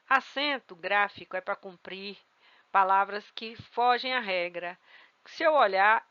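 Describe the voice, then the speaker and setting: A woman teaching a grammar lesson, spelling out letters and checking understanding with quick questions. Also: medium pitch, fairly bright tone, no room sound, muffled recording. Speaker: Portuguese teacher.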